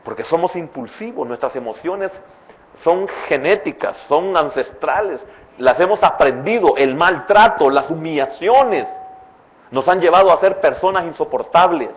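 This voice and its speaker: Salvadoran pastor preaching, loud then soft. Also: male voice, animated, normal speed, muffled recording. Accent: Salvadoran Spanish. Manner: swings between loud emphatic bursts and soft low asides. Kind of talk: sermon. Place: church.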